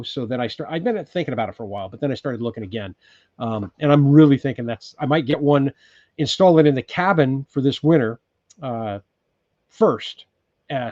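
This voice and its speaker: A California man in his sixties hosts a casual livestream from his off-grid cabin, loosely reading and responding to viewer comments with many ums and restarts. His voice is mid-range and darkish, with no echo and lo-fi sound.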